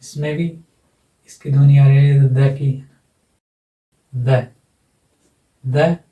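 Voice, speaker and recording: Male phonetics teacher, slow and patient, flat even delivery, mellow tone, echoey room, a bit away from the mic. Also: mid-range voice, recorded from a distance, lo-fi sound. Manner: slow, repeats each sound several times; ends phrases with a checking "है ना". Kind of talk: whiteboard phonetics lesson.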